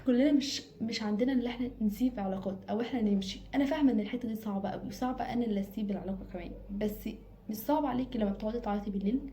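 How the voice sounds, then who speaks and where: A woman's voice: fairly high pitch, racing, dark tone, slight background noise. A woman with an Egyptian Arabic accent giving casual advice straight to her own camera, emphatic and repeating phrases for stress. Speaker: advice vlogger. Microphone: self-filmed camera.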